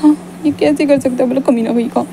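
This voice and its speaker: Woman narrator playing a high-strung young guy, whiny and stammering, quick and a touch high. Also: steady tone, dark tone, a little hiss or hum, low-quality recording. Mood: upset. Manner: high-strung, complaining, stammers when flustered. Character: young man, excitable, loud protester, quick to whine.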